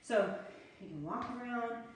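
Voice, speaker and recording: A middle-aged fitness instructor chats through casual workout directions while exercising at home near the stairs, breathless between bursts. Her pitch is fairly high and her pace measured. The sound is echoey with a faint hiss or hum, captured by a camera far away.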